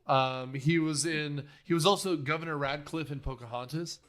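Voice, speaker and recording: A middle-aged man hosts a loose movie-review chat in a slightly higher voice. He rambles from tangent to tangent, full of "um"s and casual swearing. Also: steady tone, normal speed, fairly bright tone. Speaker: podcast host.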